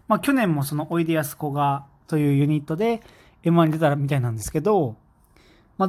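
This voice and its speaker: A man's voice: fairly high pitch, a little mellow. Rambling man in a solo talk. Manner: rambling, many fillers; enthusiastic fan. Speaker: podcast host.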